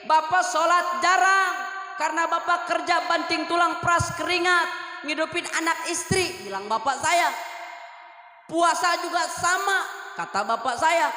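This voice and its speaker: A man's voice: very high-pitched, unhurried, bright, forceful tone, soft background music. A young man from Lampung preaching a storytelling sermon, acting out voices and quizzing his audience. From Lampung, Indonesia. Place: religious foundation event hall. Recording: echoey hall with long reverb.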